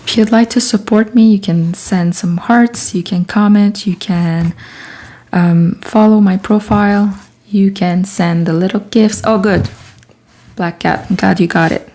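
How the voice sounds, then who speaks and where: A relaxed woman from Quebec, Canada, whose first language is French, speaks slowly in a gravelly, mid-range voice. Livestreaming her art process, she chats casually while working, thinking aloud and reading out viewer comments.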